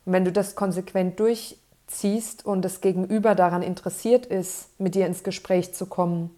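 A woman life coach giving a spoken self-help talk, calm and persuasive, adding "ja" tags and repeating set phrases. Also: mid-range voice. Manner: calm, persuasive, with frequent "ja" tags and small restarts.

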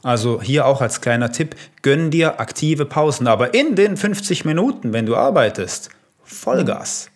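A man talking as a health coach in a podcast conversation, energetic, with punchy short statements and rhetorical questions. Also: mid-range voice, normal speed. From Italy.

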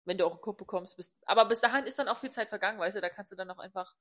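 Young woman, bright voice, quick teasing podcast co-host. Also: mid-range voice. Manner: reacts in quick interjections, teasing. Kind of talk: casual chat.

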